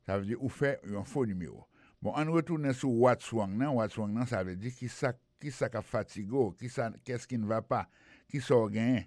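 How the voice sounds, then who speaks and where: A man's voice: mid-range voice, moderate pace, darkish tone, dry recording, studio quality. A man with a Haitian Creole accent teaching English phrases on a radio lesson, explaining each one and spelling words out. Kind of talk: bilingual radio language lesson.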